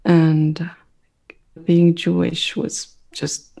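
Guesting on an interview, a middle-aged woman who teaches mindfulness meditation speaks in a lowish, dark voice with vocal fry and a completely flat delivery. French is her first language, and she reflects thoughtfully, frequently pausing as she looks for the right words.

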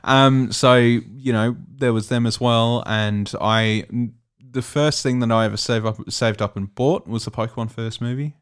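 A man's voice: mid-range voice, fairly even intonation, unhurried, few pauses, clear, resonant tone. A man in his twenties with an Australian accent, co-hosting a casual podcast chat, rambling with fillers and laughing easily. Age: 20s. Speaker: podcast co-host.

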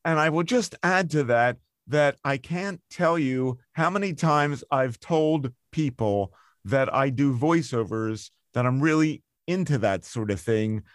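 A man's voice: mid-range voice, animated, a little slow, no room sound. A man hosting an interview podcast, asking questions with open enthusiasm. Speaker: podcast host.

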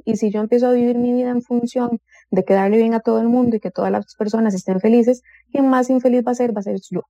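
A woman, giving advice as a guest on a talk show and calmly explaining things, often voicing the people she quotes. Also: on the high side, quick pace, no room sound. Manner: calm explanatory, acts out quoted family dialogue. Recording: dull dry studio sound.

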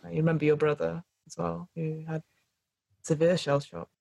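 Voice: medium pitch, little pitch movement, moderate pace, creaky, dark tone. A game master running a tabletop role-playing game, giving casual instructions and narration to players.

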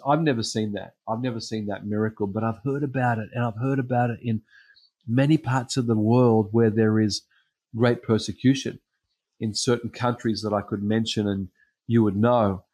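A man preaching a sermon, telling personal stories in a halting way with frequent pauses and ums. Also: fairly low pitch, steady tone, a little mellow. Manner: hesitant storytelling with frequent ums.

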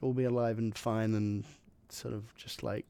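Gravelly man rambling in casual chat. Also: on the low side, flat delivery, normal speed, warm tone. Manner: rambling, laughing, trails off. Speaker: podcast co-host. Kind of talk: casual film review chat.

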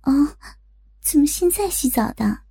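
Female reader as young daughter-in-law in audio fiction: sweet, high, mellow, tender and coy. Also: animated, measured pace. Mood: mildly reproachful. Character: soft, gentle, mildly reproachful young daughter-in-law.

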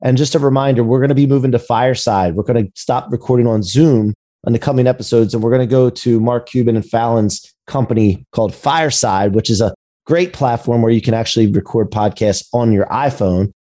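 Speaking fairly fast in a dark-toned, medium-pitched voice, this man hosts a buzzword-heavy business podcast with a motivational, conversational entrepreneur feel, recorded via video call.

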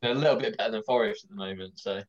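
A man's voice: fairly low pitch, very fast. Young male podcast guest, easygoing and wry, slightly muffled lo-fi audio. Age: young adult. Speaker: guest, physiotherapy student. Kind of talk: casual podcast chat.

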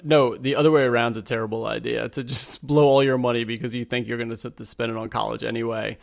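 A man's voice: medium pitch, little pitch movement, fast talker, gravelly. A man explaining personal finance conversationally as a podcast host, informal and plain-spoken. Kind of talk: scripted outro and disclaimer read.

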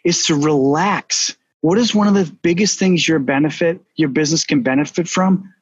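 Man, Boston accent, fairly high husky voice, animated storyteller, dull lo-fi sound. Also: moderate pace, no echo. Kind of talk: casual business chat. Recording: dull, slightly lo-fi.

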